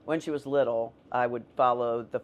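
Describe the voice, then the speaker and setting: A woman's voice: a bass voice, fairly even intonation, fairly quick. A middle-aged woman co-hosting a podcast, telling family stories in casual chat and laughing often. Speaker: podcast co-host.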